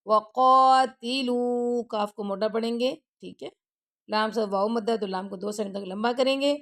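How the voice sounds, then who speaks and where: A woman teaching Quran recitation, chanting verses slowly and then explaining the rules quickly. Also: medium pitch, fairly even intonation. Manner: slow drawn-out recitation alternating with quick explanations; repeats phrases and checks with "theek hai". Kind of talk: tajweed lesson, recitation with explanation.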